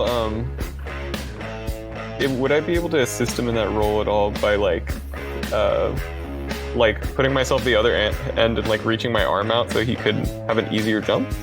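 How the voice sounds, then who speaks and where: A man playing a tabletop game, thinking aloud about his moves. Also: medium pitch. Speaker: player.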